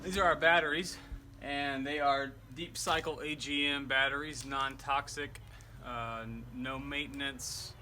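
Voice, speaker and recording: A man explaining his off-grid homestead build outdoors in a casual talk to camera, pausing with fillers and restarting sentences. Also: medium pitch, fairly even intonation, pushed and bright. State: out of breath from lifting. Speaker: homesteading vlogger.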